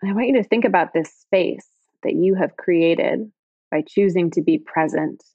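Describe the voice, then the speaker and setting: A woman leading a guided body-scan meditation in slow, soft, soothing phrases. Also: lowish voice, no room sound, highs cut off.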